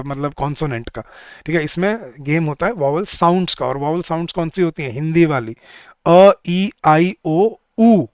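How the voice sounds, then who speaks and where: A man's voice: on the high side, dry recording, clean studio sound. A man teaching an online exam-prep English lesson, talking to the class in a chatty way and answering his own questions.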